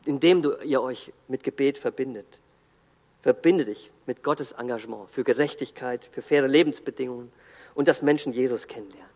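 A man preaching a sermon in an earnest, emphatic way, pausing and restarting as he builds his points. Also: mid-range voice, darkish tone. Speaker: guest preacher. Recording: long hall reverb.

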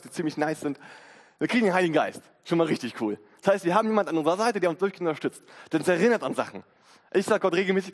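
High-voiced young man preaching in a reverberant hall. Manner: casual youth-slang preaching; acts out inner voices. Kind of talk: sermon.

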